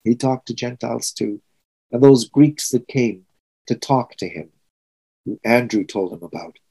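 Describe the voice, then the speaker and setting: A man's voice: medium pitch, a little slow, gravelly, dark tone, breathy edge, poor audio. A sixty-year-old man from Trinidad and Tobago, preaching a sermon in an earnest, reflective way with emphatic swells. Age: 60s.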